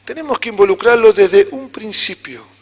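A man with an Argentine Spanish accent preaching a sermon as pastor, animated, acting out little dialogues. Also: high voice, normal speed. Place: church hall. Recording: church hall reverb.

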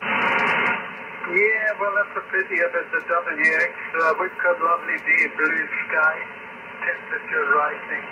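A man's voice: on the high side, flat delivery, measured pace. A man from Scotland working as an amateur radio operator, trading call signs and details over a crackly two-way radio. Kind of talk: radio contact exchange with call signs and phonetic spelling. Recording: distant, noisy, crackly shortwave radio reception. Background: radio static.

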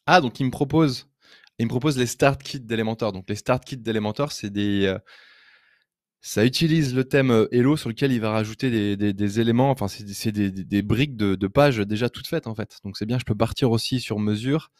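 Male tutorial host, low register, dry sound; chatty, eager, hesitant delivery for a screencast demo. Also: fairly quick, a little mellow, no echo. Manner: chatty and enthusiastic, hesitant with many fillers. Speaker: web design trainer. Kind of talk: casual screen-recorded software demo.

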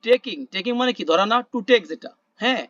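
A man teaching an online class, explaining word meanings slowly, repeating terms and quizzing the class. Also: very high voice, a bit bright, dry recording, highs cut off. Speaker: Quran vocabulary teacher. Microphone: video call.

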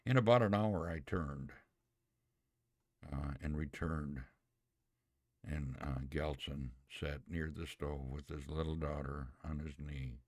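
Male podcast host, storyteller with casual asides; slow, dry delivery. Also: rumbling low, a little mellow, no room sound. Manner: plain, unhurried reading with homely asides. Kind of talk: reading a story aloud with spoken asides.

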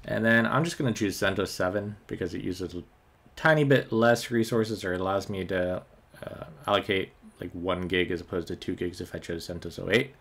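A man's voice: low voice, normal speed, vocal fry, breathy edge. Man walking through a screen recording. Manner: relaxed, many ums and uhs. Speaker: tech tutorial host. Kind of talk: screen-recorded software walkthrough.

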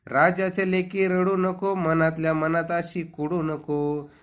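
A man's voice: fairly high pitch, flat delivery, slow pace. A man doing a coaxing little rabbit. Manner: singsong, rhyming, coaxing. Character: sweet little rabbit, eager, coaxing, playful.

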